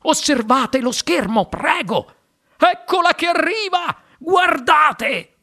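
A man reading an audiobook, voicing an eccentric male chocolate-factory owner who shouts theatrical, commanding exclamations. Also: extremely high pitch, expressive, slow pace, pitched above the performer's own voice, exaggerated voice. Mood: excited.

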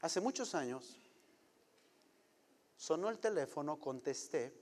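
A middle-aged man, a pastor giving a lively, conversational sermon full of rhetorical questions. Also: on the high side, takes it slowly, in a large hall.

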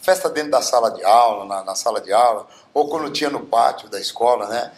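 This is a 70-something man from Bauru, Brazil, a guest singer sharing stories casually during an interview. He speaks briskly in a medium pitch, with many fillers, and the sound echoes around the room.

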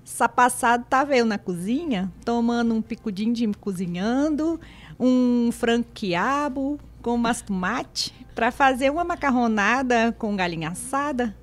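Slow-speaking high-voiced woman guest. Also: animated. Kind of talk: casual chat and reading a text.

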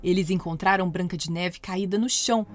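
A woman narrating a children's fairy tale in an expressive, playful way. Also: on the low side, fairly quick. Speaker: storyteller. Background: soft music.

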